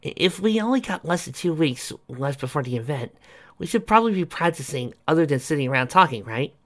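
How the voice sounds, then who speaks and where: Casting note: man putting on a high, excited young pony mare for an audiobook, lively pitch swings. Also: brisk. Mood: eager. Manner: bright, excited, earnest. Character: eager cheerful young female unicorn pony. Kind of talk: fan fiction audiobook reading.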